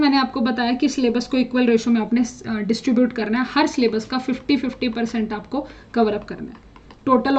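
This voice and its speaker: A woman with a high voice lectures students on exam preparation, blunt and direct, now and then switching into English phrases. The recording sounds dull and lo-fi. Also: dark tone. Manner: direct, scolding, mixes English phrases into speech. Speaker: chemistry teacher.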